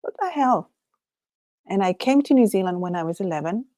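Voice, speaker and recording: A Chilean woman whose first language is Spanish hosts a casual solo livestream with a Chilean Spanish accent, musing aloud, laughing often, and trailing off before restarting. Her mid-range voice is warm and brisk with lively intonation, captured in studio quality without room sound.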